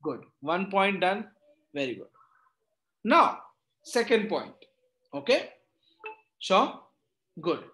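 High-voiced North Indian man teaching. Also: sing-song, slow pace, pauses often, pushed and bright. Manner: repeatedly checks understanding with short questions; mixes Hindi phrases into English. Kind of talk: interactive online reasoning lesson. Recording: roomy echo on the voice.

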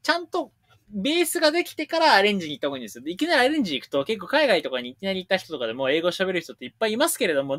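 A man's voice: high voice, no echo, studio quality. A man hosting a casual livestream, reading out viewer questions and answering them bluntly, with jokes. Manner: rapid-fire, animated, blunt and joking.

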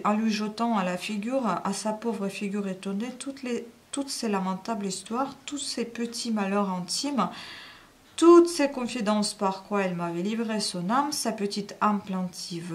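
A woman narrating a classic novel in the first person. Her reading is measured and even, with the steady delivery of a book read aloud. Her voice sits at an ordinary middle pitch. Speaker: reader.

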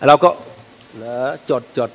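A man, a religious teacher, gives an informal lecture and livens it up by acting out small everyday scenes. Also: measured pace. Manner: lively storyteller who acts out little everyday scenes. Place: mosque prayer hall. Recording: long reverb of a large prayer hall.

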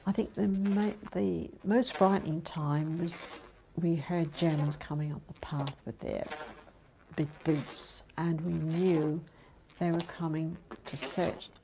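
An older woman speaks earnestly of her past in a low, flat, gravelly voice. Her tone is dark and mellow, with faint room noise around her. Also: slow. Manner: plain, earnest recollection. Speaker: interviewee recalling wartime occupation. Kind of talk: reminiscing testimony.

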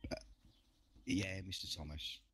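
Male gamer, low voice with a crisp bright tone, animated banter. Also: unhurried. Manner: animated, swears freely. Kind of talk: casual chat while gaming.

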